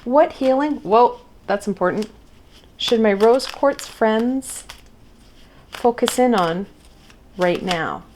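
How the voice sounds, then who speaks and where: A woman giving a spiritual oracle card reading to her viewers, talking in a gentle, encouraging way with thoughtful pauses. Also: on the high side, lively intonation, slight background noise.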